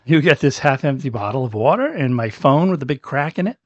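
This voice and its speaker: A man co-hosting a podcast in casual chat, joking and rambling, his voice a little hoarse. He has a mid-range pitch. The sound is dry and slightly dull. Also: lively intonation, fairly quick, no room sound. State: clearing throat, losing his voice. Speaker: podcast co-host.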